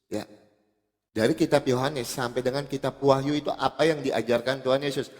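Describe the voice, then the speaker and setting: A man's voice: mid-range voice, fairly even intonation, moderate pace, a little mellow. Preacherly man quoting scripture, reverberant. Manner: preacherly, quotes scripture with verse numbers. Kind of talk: live-streamed religious debate.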